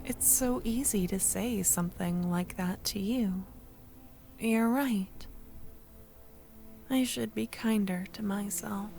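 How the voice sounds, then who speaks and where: In a soft-spoken, breathy ASMR roleplay, a woman with a medium-pitched voice plays a tender, wistful young childhood friend, often dropping close to a whisper. Her delivery is slow, tender, and hesitant.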